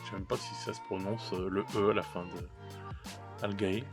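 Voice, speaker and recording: A man's voice: deep voice, fairly even intonation, fast talker, music in the background. A man casually reviewing paint colors, chatty and hesitant, with many fillers and restarts and self-mocking laughs at his own mistakes. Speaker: miniature painting youtuber.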